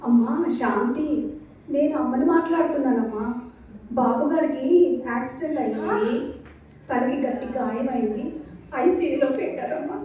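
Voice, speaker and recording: A woman's voice: sits high, normal speed, long pauses, dark tone, slight background noise, close to an everyday voice. A woman playing a worried mother urgently pleading on a phone call. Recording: echoey room from far off.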